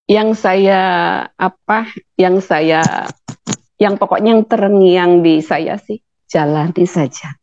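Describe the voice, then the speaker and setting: A woman's voice: medium pitch, slow, darkish tone, slight background noise. A middle-aged woman gives an emotional personal testimony, often laughing as she talks. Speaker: guest. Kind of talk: testimony interview. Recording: dull, dry sound.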